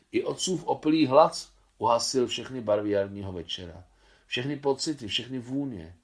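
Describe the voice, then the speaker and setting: A man reading a short story aloud in a steady storytelling manner, now and then correcting a slip. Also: lowish voice. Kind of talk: scripted story narration.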